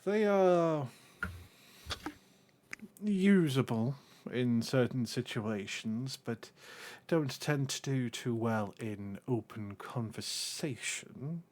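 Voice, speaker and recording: A man playing a haughty, dismissive deity with a formal, measured, condescending way of speaking. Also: mid-range voice, animated, a little mellow. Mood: disdainful.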